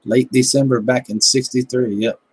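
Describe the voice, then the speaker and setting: His husky, medium-pitched voice holds a steady tone at normal speed as he reads viewer comments on his gardening-channel livestream. He's in his fifties, with a Southern American accent and a laid-back, joking, folksy manner. The recording has no echo but is low quality.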